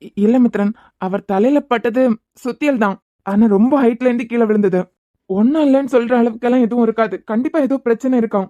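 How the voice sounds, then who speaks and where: A woman's voice: on the high side, fast, warm tone, no room sound, lo-fi sound, natural voice. A woman voicing a worried, self-blaming young engineer in a cartoon series, with a Kanyakumari Tamil accent. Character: guilt-ridden worried young man, engineer.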